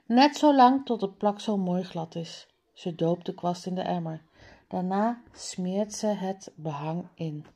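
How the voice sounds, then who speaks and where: A woman reading a children's reading book aloud slowly and clearly, for learners. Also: on the low side, dark tone. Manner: clear, deliberate, over-articulated. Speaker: reader.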